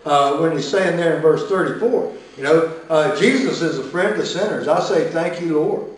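A man's voice: fairly high pitch, recorded from a distance. A man pastor teaching a Sunday school Bible lesson in a folksy way, with many fillers and restarts. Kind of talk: Bible lesson with scripture reading. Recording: very echoey room, voice from off-mic.

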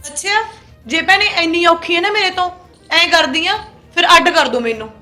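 A young woman playing a sharp-tongued, quarrelsome young wife in a family short film, firing back fast retorts. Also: very high-pitched, expressive, soft background music, exaggerated voice. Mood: defiant.

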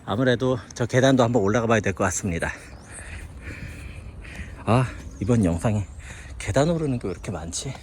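Middle-aged Korean man, outdoor walking vlog, lively rising and falling speech. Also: fairly low pitch, a little fast, long pauses, a little hiss or hum. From South Korea. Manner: chatty, musing aloud while hiking. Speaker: vlogger living in China. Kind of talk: casual walking commentary. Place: outdoors on a hillside park.

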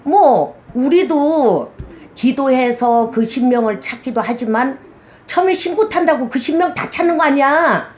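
A woman's voice: high-pitched, darkish tone. A middle-aged woman, a shaman, talking bluntly and animatedly in a casual interview, often acting out quoted dialogue.

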